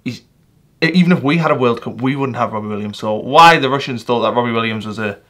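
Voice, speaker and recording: A young football fan vlogger from England, speaking with a North East English accent, gives a casual, rambling reaction to a match, full of fillers and self-corrections. His mid-range voice is fast and fairly bright.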